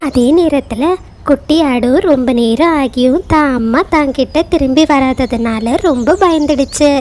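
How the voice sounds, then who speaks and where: A woman narrating a children's cartoon fable in a steady storytelling way. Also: high voice, unhurried, a little hiss or hum.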